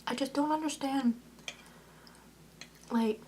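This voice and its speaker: A woman's voice: high-pitched, takes it slowly, noisy background. A woman vlogging in a casual, rambling way, peppering her talk with "like" and correcting herself as she goes. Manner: chatty, lots of "like", self-correcting.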